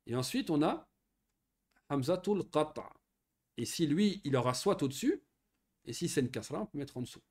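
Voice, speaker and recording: A man's voice: fairly high pitch, moderate pace, long pauses, husky. A man from Morocco teaching an online Arabic grammar lesson to children, explaining patiently and often checking that they follow. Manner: patient, lively explanations with frequent checking questions.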